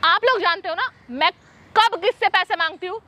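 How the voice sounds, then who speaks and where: A woman's voice: very high voice, moderate pace, pushed and bright. A woman YouTuber talking straight to her viewers in an emotional rant, indignant, pleading one moment and threatening the next. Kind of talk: emotional direct-to-camera rant.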